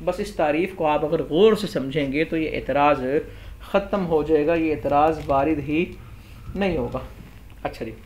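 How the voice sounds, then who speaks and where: A man's voice: fairly high pitch, a little mellow, a little hiss or hum. A man with a Pakistani Urdu accent, teaching a classroom grammar lesson and explaining step by step as he raises and answers objections. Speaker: Islamic scholar teaching Arabic grammar.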